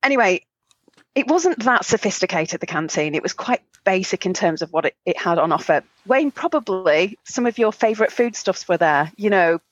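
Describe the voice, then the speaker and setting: A woman from the north of England chats on a podcast and tells her story with a swooping, animated pitch. Her voice sounds dry and close, though the recording is a little dull. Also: normal speed, no echo. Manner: lively storytelling, jumps high for quoted voices. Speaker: podcast co-host. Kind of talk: casual chat.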